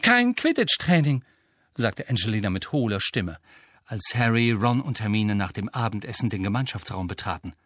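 A man's voice: fairly low pitch, dry recording, studio quality. Man reading an audiobook. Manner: even, measured reading. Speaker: audiobook narrator. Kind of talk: scripted narration.

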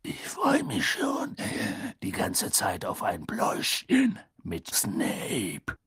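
A man voicing a gruff, scarred old male wizard teacher, growling slowly in a gravelly voice. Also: low-pitched, huge pitch swings, fairly bright tone, dry recording, in a whisper, studio quality, exaggerated voice. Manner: growling, slow and menacing.

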